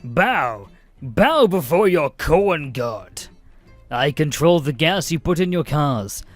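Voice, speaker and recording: A man voicing a booming, arrogant male god of corporate greed who makes slow, commanding proclamations. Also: big pitch swings, no echo, faint music behind. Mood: domineering.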